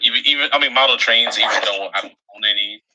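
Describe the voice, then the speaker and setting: A man from Pennsylvania in a casual video call chat, halting and full of fillers. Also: medium pitch, background noise.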